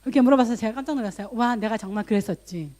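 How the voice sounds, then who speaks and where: A woman pastor preaches in a relaxed, story-driven manner, mixing English loanwords into her talk. Her voice sits a little high for a woman, and she lifts it further when she voices her own prayers. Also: rapid-fire. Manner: conversational storytelling, voice rising for quoted prayers; mixes English loanwords into speech. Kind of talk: sermon.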